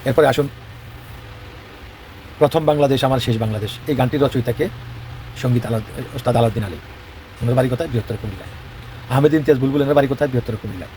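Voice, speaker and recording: A man's voice: medium pitch, rapid-fire, pauses often, darkish tone, slight background noise. A man from Bangladesh with a Comilla Bengali accent, speaking in an impassioned monologue, rhetorical and combative, asking questions and answering them himself. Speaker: regional advocate.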